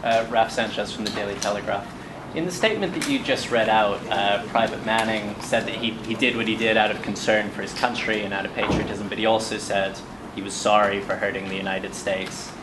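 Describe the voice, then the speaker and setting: Low-voiced male reporter with background noise. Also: fairly even intonation, brisk. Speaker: newspaper reporter. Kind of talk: press conference question. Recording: clear background hum and room noise.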